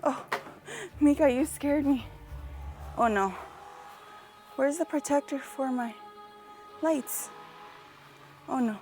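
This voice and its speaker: A young woman with a high voice vlogs outdoors in her garden. She speaks straight to her viewers, jittery and anxious, and keeps repeating herself. Music plays clearly behind her. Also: slow pace, long pauses, darkish tone. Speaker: gardening vlogger. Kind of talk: casual vlog talking to viewers.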